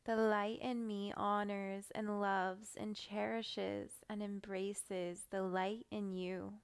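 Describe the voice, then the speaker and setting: A woman guiding a meditation in a soft, soothing voice, giving calm, gentle instructions with long pauses. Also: medium pitch, clear, resonant tone. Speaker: meditation guide. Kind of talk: guided meditation.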